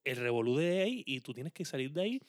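Animated man telling stories. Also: mid-range voice, fast talker, dry recording, clean studio sound. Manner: animated storyteller, mixes in English words. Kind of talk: casual chat.

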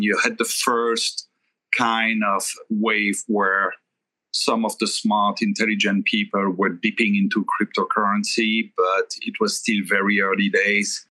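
Interview guest: middle-aged man from Belgium, lower pitch, bright tone, measured and explanatory. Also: poor audio. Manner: measured, explanatory, pauses mid-sentence. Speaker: guest, investment firm founder. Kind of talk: conversational interview answers.

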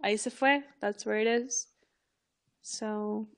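A young woman co-hosting a podcast, telling stories in a lively, animated way, laughing often and swearing freely. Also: medium pitch, takes it slowly. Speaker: podcast co-host. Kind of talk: casual podcast chat.

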